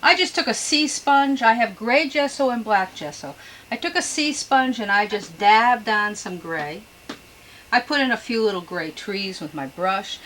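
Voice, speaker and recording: A woman giving an unscripted painting demonstration as a gentle instructor, with homely, folksy, chatty asides. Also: mid-range voice, slight background noise, poor audio. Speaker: painting instructor and show host.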